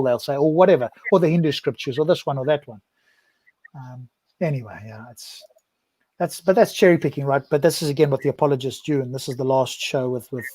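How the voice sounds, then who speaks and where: A man's voice: mid-range voice, darkish tone. A man co-hosting a podcast panel discussion, talking in a chatty way and often checking in with "right?". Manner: chatty, ends points with "right?". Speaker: podcast co-host.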